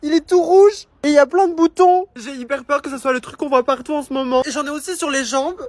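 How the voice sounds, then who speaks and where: High-voiced, expressive vlogger from France. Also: quick pace. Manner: expressive, dramatic reactions, chatty. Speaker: social media creator. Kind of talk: casual vlog narration to camera.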